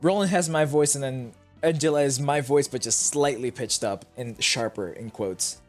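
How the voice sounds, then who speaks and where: A man's voice: mid-range voice, moderate pace, soft background music. A man streaming a video game, chatting casually and swearing while he reads and voices the dialogue. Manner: swears casually, laughs, reads lines aloud in character.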